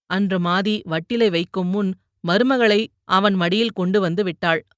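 A woman's voice: medium pitch, dry recording. Woman narrating a novel, dry close sound. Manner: measured storytelling, lifts voice sharply for shouting characters. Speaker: audiobook narrator. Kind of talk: novel read aloud with character voices.

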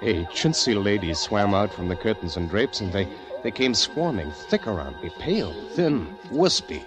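In the style of a 1940s radio drama, an actor plays a nervous poet fleeing the world, narrating his haunted tale in the first person with halting intensity. His fairly low voice is very animated yet hushed and deliberate, the mood uneasy and suspenseful, with vintage-sounding music behind him.

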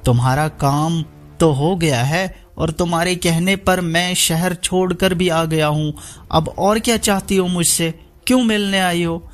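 A man voicing a bitter, desperate young man who speaks harshly and shouts. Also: fairly high pitch, measured pace, soft background music. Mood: bitter angry.

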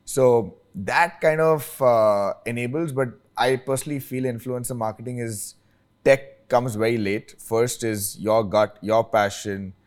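A man's voice: medium pitch, fairly even intonation, unhurried. Indian man, emphatic interview guest. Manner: emphatic, repeats phrases, often tags "right?". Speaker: interview guest, influencer marketing expert. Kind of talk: conversational interview.

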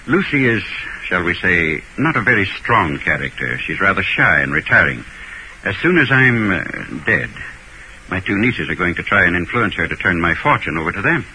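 An actor playing an older, genteel millionaire, formal and theatrical in an old radio mystery, fretful yet matter-of-fact. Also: male voice, deep voice, big pitch swings, normal speed, pushed and bright, exaggerated voice. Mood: earnest, practical. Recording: faintly noisy old radio recording.

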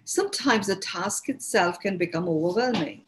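A woman with an Indian accent hosting a podcast, talking through ideas in an unhurried, reflective way and often restarting words as she finds her phrasing. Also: medium pitch, animated, slight background noise, rough recording. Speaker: podcast host and speaker on personal growth. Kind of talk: reflective spoken teaching.

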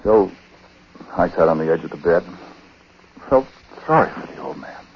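An actor playing a troubled, uneasy husband who narrates in a hesitant, conversational way in a 1940s radio drama. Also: male voice, deep voice, lively intonation, moderate pace, slightly rough, heavily acted. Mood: subdued, remorseful. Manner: hesitant, conversational, breaking off and repeating words. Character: troubled husband, uneasy, recounting his own story. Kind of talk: 1940s radio acting, first-person confessional narration. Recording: muffled, noisy 1940s radio recording.

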